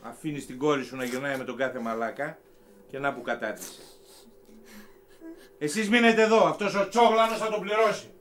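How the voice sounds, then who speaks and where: A man playing a gruff, possessive father. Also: medium pitch, fairly bright tone, lightly acted. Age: middle-aged. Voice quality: gruff, curt. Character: possessive, hot-tempered middle-aged father. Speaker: father of a grown daughter. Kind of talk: drama film dialogue.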